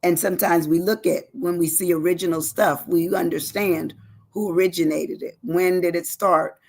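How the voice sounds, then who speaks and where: A woman's voice: lowish voice, steady tone, normal speed, creaky, a little mellow, husky. A woman giving a casual spoken lesson from home, repeating and spelling out words with chatty asides. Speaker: educator presenting a word lesson. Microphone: live-stream setup.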